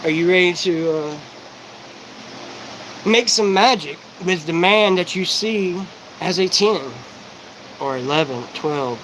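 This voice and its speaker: A man in his forties talking on a live stream in a rapid, profane, rambling and disjointed monologue. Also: high-pitched, fairly bright tone, a little hiss or hum, rough recording. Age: 40s. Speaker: livestreamer.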